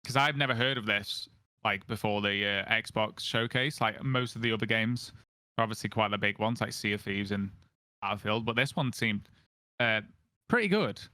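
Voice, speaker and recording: Smooth, bright-voiced man asking questions. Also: fairly low pitch, normal speed, no echo. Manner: asks the panel questions. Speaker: podcast host. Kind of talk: casual chat.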